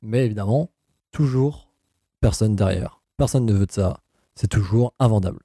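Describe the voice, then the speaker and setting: A man with a low, very dark and mellow voice that has a husky edge co-hosts a relaxed conversation. He explains the story eagerly, with many hesitations, and adds his own comments along the way, recorded close and dry. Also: normal speed, dry recording. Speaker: podcast co-host. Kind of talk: casual chat.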